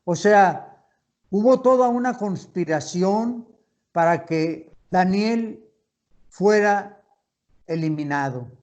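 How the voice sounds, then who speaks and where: A man with a fairly high voice teaching a Bible study. He reads scripture slowly and deliberately, pausing often and restarting phrases as he explains the passage. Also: darkish tone, dull audio. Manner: slow, deliberate reading with pauses and restarts.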